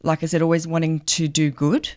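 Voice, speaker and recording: A woman's voice: low voice, flat delivery, fairly quick, a little mellow. Guest: middle-aged woman, faint South African accent, earnest and emphatic. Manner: earnest, emphatic, thinks aloud with fillers. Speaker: guest, charity leader. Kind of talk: podcast interview.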